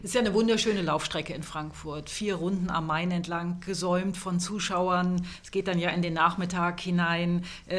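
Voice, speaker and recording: A female radio host asking friendly, chatty interview questions. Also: on the low side.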